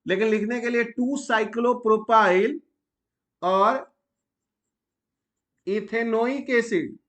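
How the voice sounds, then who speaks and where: A man's voice: very high-pitched, steady tone, a bit bright. A man teaching chemistry step by step, often stopping to check that students follow. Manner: asks students frequent check questions; slows down to spell out names.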